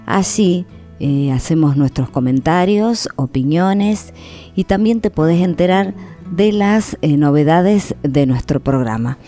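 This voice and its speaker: A woman with an Argentine accent hosting a radio program, speaking in a slow, reflective way with repeated phrases. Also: low voice, animated, dark tone, faint music behind. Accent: Argentine Spanish. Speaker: radio host.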